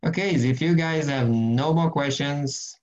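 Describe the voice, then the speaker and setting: In a slightly high, a little mellow voice at a measured pace, a man from Brazil runs an online Bible study session, rambling earnestly with frequent fillers and restarts and then praying. The audio is dull.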